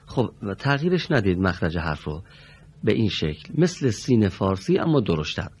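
A man's voice: fairly low pitch, big pitch swings, a little mellow, breathy edge. A man teaching a Quran reading class, politely calling on students and patiently correcting how they pronounce each letter. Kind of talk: classroom recitation lesson.

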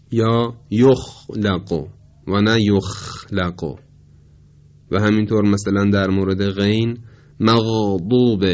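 A man teaching Quran recitation pronunciation in a measured, polite way, drawing out his example words slowly. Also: on the low side. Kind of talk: tajweed pronunciation lesson. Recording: dull lo-fi recording.

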